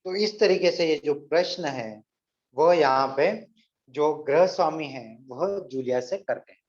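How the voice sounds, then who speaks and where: Man, Hindi teacher, explains a play to students, repeats lines in plain words, higher voice, roomy sound. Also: a little slow. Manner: reads lines aloud, then paraphrases and repeats them. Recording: echoey, dull lo-fi recording.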